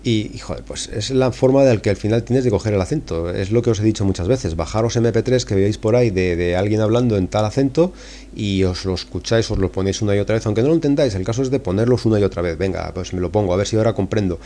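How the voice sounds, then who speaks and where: A man's voice: on the low side, fast, dark tone. A middle-aged man from Spain with a Spanish accent, talking through a casual, rambling lesson as a podcast host, full of fillers and tag questions. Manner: chatty, digressive, many tag questions and fillers. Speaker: podcast host and English teacher.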